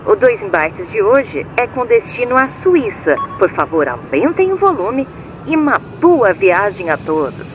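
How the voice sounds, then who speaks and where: A man voicing an airline pilot who gives a formal announcement to passengers over the cabin loudspeaker. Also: high voice, sing-song, unhurried, music in the background, voice pushed up, low-quality recording.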